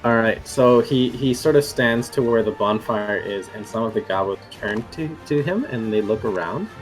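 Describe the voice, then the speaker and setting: A man's voice: fairly low pitch, lively intonation, moderate pace, soft background music. A man narrating as game master of a tabletop game, rambling with many fillers and restarts.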